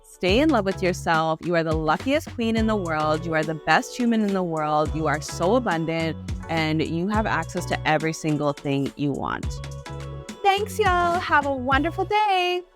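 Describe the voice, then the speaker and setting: A woman's voice: sits low, normal speed, music in the background. A woman hosting a podcast, talking in an effusive, gushing way and addressing listeners directly as queens. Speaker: podcast host and small business owner. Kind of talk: casual motivational podcast monologue.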